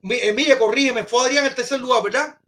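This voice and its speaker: A man hosting a casual live-stream chat, excitable and exclaiming, often repeating his phrases. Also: very high-pitched, fast. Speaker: podcast host.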